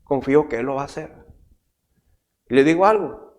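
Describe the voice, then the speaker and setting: Man, middle-aged, pastor giving a sermon; lively, swinging delivery. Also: medium pitch, normal speed. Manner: animated preaching, with frequent rhetorical questions.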